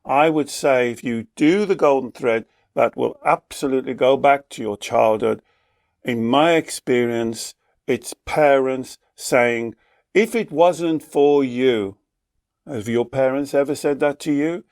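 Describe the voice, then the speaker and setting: A man working as a life coach and podcast host, teaching in a slow, emphatic way and repeating his key phrases for effect. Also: medium pitch, dry recording, clean studio sound. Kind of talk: reflective teaching talk.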